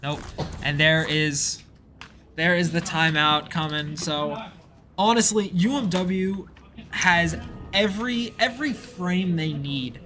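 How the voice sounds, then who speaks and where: A young man calls a live college esports match in fast, eager play-by-play, his fairly high voice jumping up whenever a play lands. He talks into a headset mic, and a light hiss sits under his voice. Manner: fast, excitable play-by-play with rising exclamations. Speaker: esports caster.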